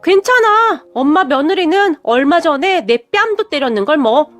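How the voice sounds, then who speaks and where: A woman doing a spoiled bratty sister-in-law, shrill and whiny, yelling and near tears, way up high. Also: lively intonation, moderate pace. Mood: shrill whining. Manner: shrill, shouting, tearful complaining.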